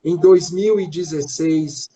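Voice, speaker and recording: A man from Brazil, a chemistry professor, explaining his field in a live-stream interview with measured, drawn-out phrasing. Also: a little high, fairly even intonation, mellow, husky.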